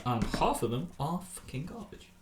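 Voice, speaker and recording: A man's voice: fairly high pitch, sing-song, slight background noise. A man co-hosting a casual podcast chat, joking and swearing freely. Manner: fast, jokey, swears freely. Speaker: podcast co-host.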